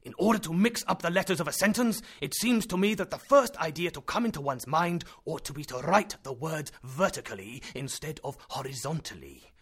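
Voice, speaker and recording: A man reading aloud and voicing an excitable elderly male professor who lectures and bursts into loud exclamations. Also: mid-range voice, normal speed, husky. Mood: excited.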